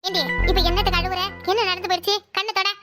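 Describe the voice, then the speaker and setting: A woman's voice: very high-pitched, flat delivery, fast talker, pushed and bright, no echo, clean studio sound, faint music behind. A woman voicing a scheming, bossy village sister-in-law in a cartoon, scolding and conniving. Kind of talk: cartoon voice acting.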